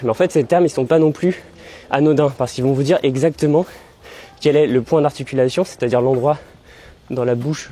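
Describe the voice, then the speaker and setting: Mellow and mid-range, this young man's voice carries a casual walking vlog for language learners. He chats in a loose, rambling way while strolling outdoors through city streets, holding the camera himself.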